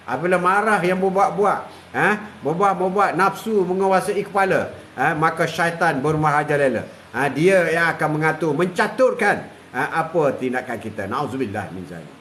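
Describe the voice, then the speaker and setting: Older male preacher with a high voice; live religious talk, lots of repetition and "ha" fillers. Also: expressive, fairly bright tone, a little hiss or hum. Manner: repetitive, drawn-out, punctuated with "ha" and chuckles.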